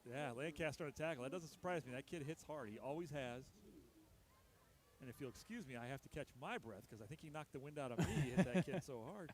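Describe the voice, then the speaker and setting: A man's voice: medium pitch, lively intonation, fast talker, crowd noise. Chatty, self-mocking male football announcer. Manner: jokey, chatty, laughs at himself, rises sharply on big plays. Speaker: play-by-play announcer. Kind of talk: local high school football commentary.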